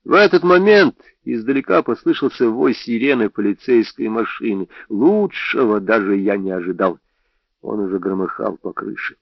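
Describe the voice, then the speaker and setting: A man narrating a first-person crime novel in a measured, dramatic reading. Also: on the low side, lively intonation, creaky, dry recording. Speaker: audiobook reader. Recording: dry, slightly dull audio.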